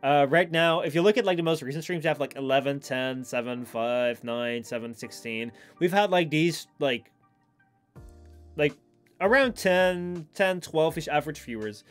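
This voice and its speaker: A man's voice: on the high side, moderate pace, smooth, faint music behind. A man live streaming in a casual, rambling, informal chat with his viewers.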